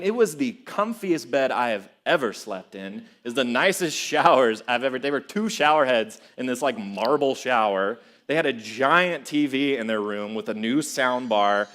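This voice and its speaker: A young adult man preaching a sermon in a casual, animated way, chuckling as he tells stories. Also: medium pitch.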